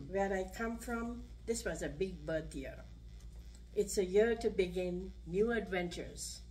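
A woman's voice: medium pitch, warm tone. Older sri lady reading her story at a senior center, kinda far from the mic, faint hum behind. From Sri Lanka. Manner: measured, reads from a page. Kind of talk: reading a personal story aloud. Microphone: podium mic. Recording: distant room recording, faint hum.

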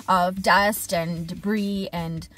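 Her voice is lowish and very slow. She's an HVAC technician and business owner in her thirties, recording a casual vlog diary in her parked truck cab, animated and expressive with hand gestures, speaking to a dashboard camera at arm's length.

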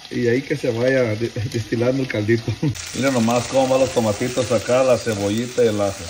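A man's voice: mid-range voice, fairly even intonation, a little fast, background noise. A man, casually vlogging his family day and narrating his cooking, playful and tender with his baby.

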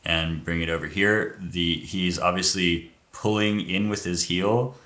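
A man co-hosting a casual climbing technique breakdown, his voice very deep yet bright and forward in tone. He explains each move step by step as he points things out on screen. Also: fairly even intonation, a little slow.

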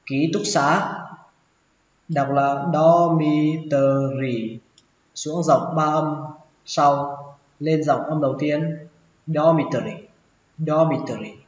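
A man teaching English vocabulary as a slow lesson, patiently repeating each word several times, a native Vietnamese speaker. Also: a little high, level tone. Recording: echoey room with long reverb, dull lo-fi sound.

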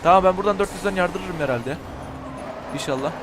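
A young Turkish man giving let's play commentary over a racing game, excitable, shouting and cursing at rival cars. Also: high voice, a little fast, noisy background. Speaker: gaming YouTuber.

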